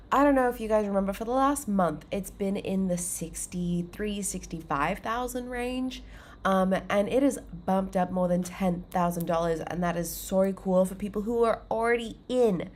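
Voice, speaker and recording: Sounding a bit stuffed up and under the weather, a female livestream host chats in a relaxed, upbeat way, her talk full of filler words. She has a mid-range, slightly mellow voice.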